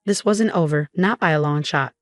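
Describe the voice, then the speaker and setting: Woman narrator, low voice, dry close sound, steady measured reading, faint music behind. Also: no echo. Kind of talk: scripted first-person story narration.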